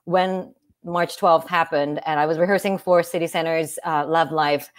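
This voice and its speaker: A woman's voice: sits low, fairly even intonation, normal speed. A woman from Japan with a Japanese accent, a guest in a casual interview, friendly and giggly, sometimes searching for words. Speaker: guest performer.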